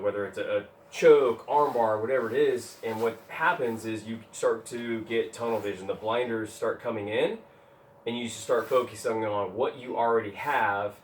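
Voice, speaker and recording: A man giving steady, explanatory advice on jiu-jitsu in casual instructional chat. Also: medium pitch, a little hiss or hum. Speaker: jiu-jitsu training partner. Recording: roomy, distant mic with faint gym ambience.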